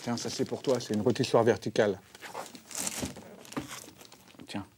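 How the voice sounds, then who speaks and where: Brief: a man doing a halting, plaintive sad-sack TV guest, ordinary middle voice, comic sketch. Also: mid-range voice, steady tone, background noise, close to an everyday voice. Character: heartbroken man jilted by his bicycle. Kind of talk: comedy sketch acting.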